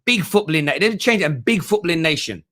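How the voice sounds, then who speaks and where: On a football fan livestream, a male host talks fast in a fairly high, expressive voice with a sharp tone. He reads out viewer comments casually, responding bluntly and emphatically and often repeating himself.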